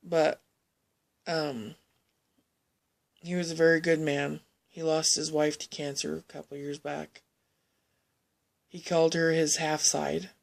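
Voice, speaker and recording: A woman telling a personal story in a halting, rambling way, often restarting her sentences. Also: low-pitched, flat delivery, creaky.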